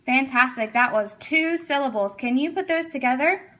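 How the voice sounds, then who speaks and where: Bright, high-voiced woman teacher. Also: moderate pace. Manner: explains step by step, coaching a student. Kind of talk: instructional demonstration.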